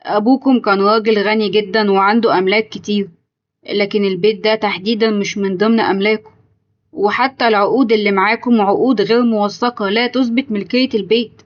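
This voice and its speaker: A woman's voice: mid-range voice, fairly even intonation, fast, dull audio, lightly acted. A woman voicing a matter-of-fact lawyer with an Egyptian accent, in a told story. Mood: explaining. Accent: Egyptian Arabic.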